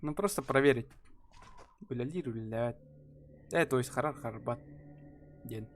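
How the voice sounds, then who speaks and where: A man's voice: medium pitch, moderate pace. A young man chatting casually in slang and swearing as he streams a game. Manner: slangy, profane, laughing often. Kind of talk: casual chat over gameplay.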